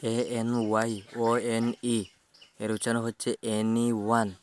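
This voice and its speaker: A man teaching vocabulary, spelling out English words letter by letter and giving their Bengali meanings in a measured, even way. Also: medium pitch, slight background noise.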